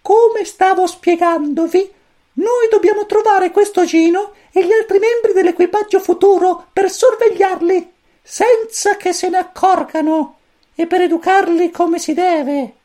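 A woman voicing a tiny, fussy male cosmic chick who commands a spaceship, squeaky, stern and lecturing, in a storybook reading. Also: unhurried, warm tone.

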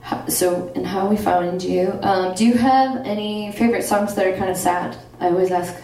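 A woman's voice: mid-range voice, normal speed, mellow. A woman hosting a live music session, chatting casually and encouragingly with her guest. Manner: friendly and encouraging, short affirmations. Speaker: host and musician. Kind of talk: casual interview chat. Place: theater loft, live session. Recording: echoey room, mic far off, guitar behind.

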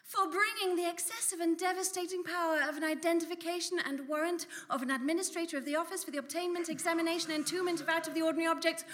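A man's voice: very high-pitched, steady tone, fast talker, hardly any pauses, bright, forceful tone. An actor playing a scheming female office worker who is secretly a cult devotee, speaking theatrically in a live comedy audio drama. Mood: fanatical. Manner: theatrical, mock-sweet, then fanatical. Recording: live venue with long reverb.

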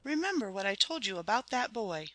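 A woman playing a gentle, anxious wife and mother in a dramatized storybook reading, pleading with quiet urgency. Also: fairly high pitch, very animated, slow pace, husky, no room sound, exaggerated voice.

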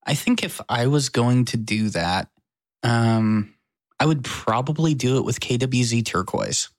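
An American man co-hosts a podcast, chatting casually in a wry, self-deprecating way. His mid-range voice is unhurried, with no echo.

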